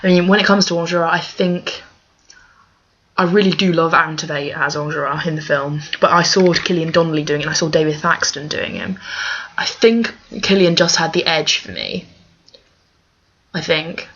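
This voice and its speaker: A young woman chatting casually as a fan answering questions, gushing and emphatic, with halting digressions. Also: low-pitched, fairly bright tone, slight background noise. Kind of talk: casual chat to camera. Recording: dull lo-fi microphone.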